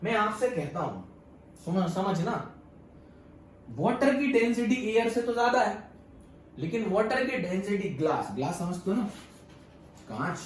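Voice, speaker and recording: A man's voice: high-pitched, slight background noise. A young man teaching physics to a class, mixing Hindi with English and often checking "yes or no?" with his students. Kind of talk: classroom lecture. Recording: echoey room, voice from far off.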